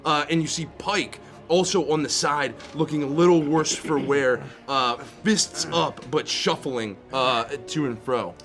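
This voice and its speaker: Higher-voiced man narrating as game master. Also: a bit bright. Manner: halting, piecing descriptions together. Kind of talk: improvised tabletop game narration. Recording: music behind the voice.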